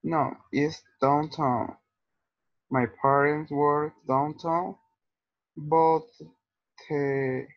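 A Spanish-accented male student reads his answers very slowly, stopping and repeating words. His voice is somewhat high for a man and comes through dull video call audio. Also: no echo. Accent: Spanish-speaking. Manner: halting, repeats words while reading aloud. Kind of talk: answering in class.

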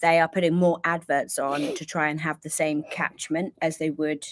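Low-pitched woman, chatty livestream co-host in a camper van, rambling and apologetic. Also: level tone, normal speed, no echo. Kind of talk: casual livestream chat.

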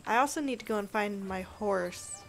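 A woman's voice: medium pitch, normal speed, vocal fry, faint music behind. A woman hosting a gameplay video, giving casual commentary in a chatty, playful way, thinking aloud as she plays.

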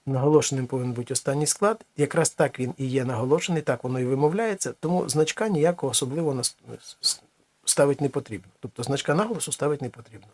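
A man teaching a language lesson, explaining slowly with many pauses and restarts. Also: medium pitch, a little mellow, no echo.

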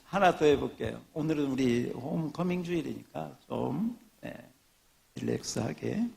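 A man's voice: medium pitch, measured pace, gravelly. A middle-aged male pastor preaching a sermon, joking with the congregation and telling funny stories. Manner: joking, animated storytelling.

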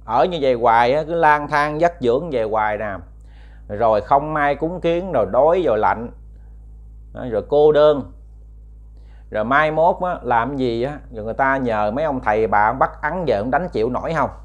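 Calm older exorcist, voiced by a man, measured, coaxing questions. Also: medium pitch, dull audio, close to an everyday voice. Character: calm older male village exorcist, patient.

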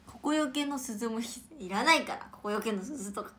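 A young woman hosting a casual livestream and reading out viewer comments, with a chatty, playful manner and soft whispered asides. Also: on the high side, moderate pace, slight background noise. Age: young adult.

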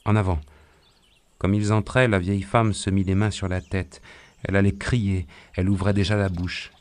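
A man narrating an audiobook with a very low, deep voice. He reads in a calm and measured way. The narration has a steady storytelling pace. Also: smooth. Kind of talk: scripted narration.

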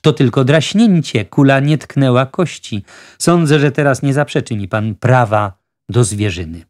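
A man's voice: mid-range voice, measured pace, a little mellow, natural voice. A man voicing a proud, reserved young hunter who speaks firmly but politely. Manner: firm but polite, curt.

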